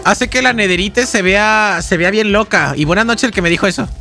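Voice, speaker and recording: A man's voice: sits high, brisk, pushed and bright. A young man with a Mexican Spanish accent, casually thinking aloud and chatting while streaming a game. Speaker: gaming streamer. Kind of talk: casual live-stream commentary.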